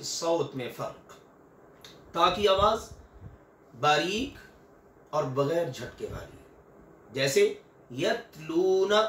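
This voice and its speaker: A man's voice: fairly high pitch, fairly bright tone, echoey room, recorded from a distance, a little hiss or hum. An older man teaching Quranic recitation, patiently repeating and stretching each example sound. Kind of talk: recitation lesson with drawn-out examples.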